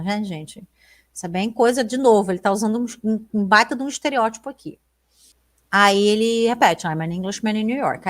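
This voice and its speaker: A Brazilian woman with a Brazilian accent teaches an exam-prep lesson. She is chatty and enthusiastic, and she slows down carefully whenever she reads English lines aloud. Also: mid-range voice. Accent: Brazilian Portuguese.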